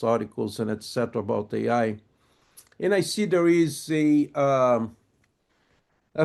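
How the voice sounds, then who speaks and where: A man with a medium-pitched, slightly mellow voice presents a project management webinar live on a video call. He grew up in a German- and French-speaking household, later moved to Brazil, and carries a Brazilian Portuguese accent. He's friendly, often hesitant, and leans on fillers.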